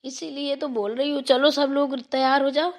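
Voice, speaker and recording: A woman's voice: sits high, level tone, normal speed. A woman voicing an older village mother-in-law who coaxes her daughters-in-law in a motherly way in a cartoon. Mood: coaxing. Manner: coaxing, motherly pleading. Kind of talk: cartoon voice acting.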